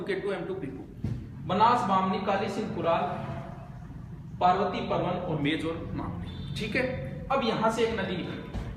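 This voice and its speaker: A man giving a brisk exam coaching lesson, explaining memory tricks and repeating the key points. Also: high voice, fairly bright tone. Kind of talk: quick spoken geography lesson with memory tricks. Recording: very echoey, noisy room.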